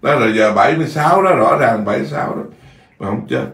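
A man's voice: medium pitch, animated, racing, a bit bright. A man with a Southern Vietnamese accent, a Buddhist monk telling a rambling story in an informal dharma talk, often repeating words. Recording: echoey room, distant mic.

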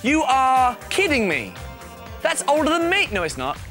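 A man's voice: extremely high pitch, wildly swooping pitch, moderate pace, pushed and bright, faint music behind. A man in his thirties with a British accent, hosting a live TV quiz with casual, playfully incredulous banter. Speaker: live TV quiz show host. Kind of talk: casual, bantering chat with a caller. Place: TV studio set.

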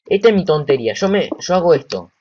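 A man with a Rioplatense Spanish accent giving casual let's-play commentary. He is excitable, talks to himself and to the game, and swears when frustrated. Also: on the high side, fast talker, muffled recording, a little hiss or hum. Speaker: gameplay commentator.

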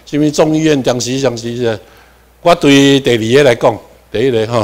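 A man with a Taiwanese accent giving a classroom lecture, moving between Hokkien and Mandarin, dropping in English terms and asking himself questions as he goes. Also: moderate pace. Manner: animated, with sudden rises in pitch and volume for emphasis. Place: lecture room.

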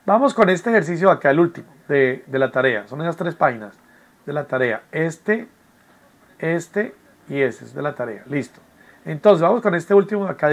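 Patient man teaching a class. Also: fairly high pitch. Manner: patient, repetitive, checks understanding with "¿correcto?". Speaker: English teacher. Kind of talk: recorded online class explanation. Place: at home.

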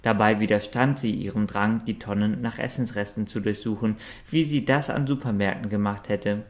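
A man narrating an audiobook in a calm, even storytelling manner. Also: fairly low pitch, moderate pace. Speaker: audiobook reader. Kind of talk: scripted narration.

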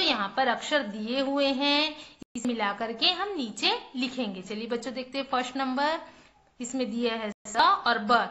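A high, bright woman's voice leads a primary school lesson, stretching each word out slowly and saying it twice so little ones can follow. The recording is a bit dull and lo-fi. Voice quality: draws out words syllable by syllable, repeating them for children. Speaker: primary school Hindi teacher. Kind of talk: slow, clearly enunciated lesson for young children.

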